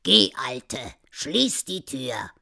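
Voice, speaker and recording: A woman voicing a stubborn, grumpy old husband in a recited ballad, dropping her voice low and gruff, some words nearly whispered. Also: sing-song, very slow, bright, forceful tone, heavily acted. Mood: grumbling.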